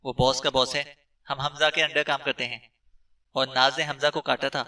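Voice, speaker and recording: A man's voice: medium pitch, level tone, normal speed, pushed and bright, recorded from a distance, close to an everyday voice. A man doing jeering, crude henchmen. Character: rough male henchmen, mocking and crude.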